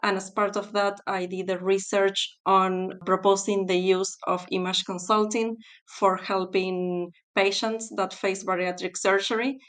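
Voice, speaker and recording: A woman from Argentina speaks English as an interview guest. Her voice is smooth and resonant. She answers thoughtfully and at a measured pace. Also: mid-range voice, level tone, a bit bright. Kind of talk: conversational interview.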